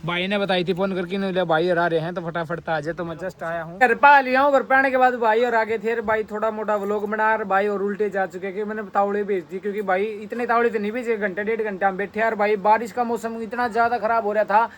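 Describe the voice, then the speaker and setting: A man's voice: high voice, steady tone, fast, hardly any pauses, fairly bright tone, slight background noise. A young man with a Haryanvi accent, chatting casually to viewers and family at home in a vlog. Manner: chatty, storytelling, addresses viewers as brother. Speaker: vlogger.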